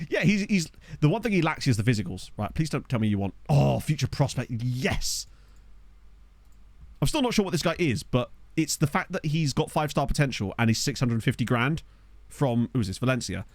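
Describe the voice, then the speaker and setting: A gaming streamer chats his way through a football management game in casual commentary, rambling from thought to thought, laughing often and reacting aloud to the players he discovers. His pitch bounces with lots of life. He sits close to a desk microphone in a dry room with no echo.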